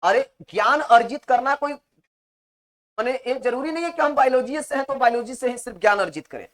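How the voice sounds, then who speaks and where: Woman teacher, higher-pitched, emphatic, answers her own questions. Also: expressive, moderate pace, fairly bright tone. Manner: rhetorical questions answered herself; repetitive, emphatic explaining. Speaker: biology teacher. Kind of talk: classroom lecture.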